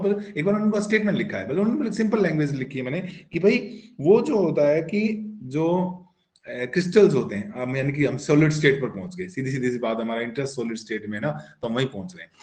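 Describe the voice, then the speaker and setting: A man's voice: fairly high pitch, a little mellow. Coaxing male physics teacher, echoey room. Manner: coaxing, calls students "beta", asks and answers his own questions; mixes English terms into explanations. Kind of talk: online classroom lecture.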